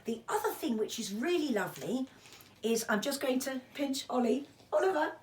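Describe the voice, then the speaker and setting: High-voiced woman, chatty and encouraging, echoey room. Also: lively intonation, moderate pace, a little hiss or hum. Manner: chatty, self-deprecating, encouraging. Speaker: mindfulness and breathing teacher. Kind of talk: informal instructional video, chatty demonstration. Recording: roomy echo, distant microphone.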